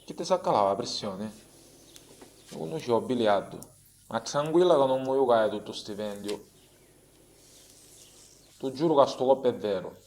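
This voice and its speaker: A man's voice: medium pitch, measured pace, pauses often, darkish tone, slight background noise, close to an everyday voice. A man playing a broke, cheeky working-class husband in a comic dub, speaking broad Sicilian dialect from Catania. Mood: wheedling.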